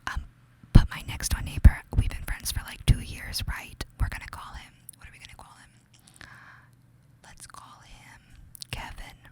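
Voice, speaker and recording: A young woman with a New York accent telling a gossipy, casual ASMR story in a whisper, confiding and chatty, often saying "like". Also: moderate pace. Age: young adult. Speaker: ASMR creator.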